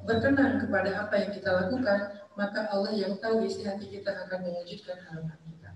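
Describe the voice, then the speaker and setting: Male preacher, storytelling sermon, very high voice, heavy echo. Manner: lively, conversational storytelling. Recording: echoey, distant mic, faint noise.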